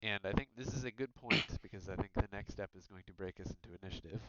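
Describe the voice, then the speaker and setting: A man's voice: fairly low pitch, fast, sharp tone, no echo. A man narrating a tabletop game as game master, talking loosely with many fillers. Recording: dull lo-fi mic.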